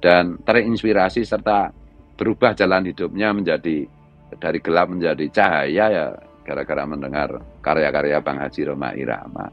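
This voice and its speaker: A middle-aged man with a Javanese accent, a religious commentator who delivers a heated monologue, scolding in a loud, raised voice. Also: low voice, fairly even intonation, normal speed, muffled recording, faint music behind.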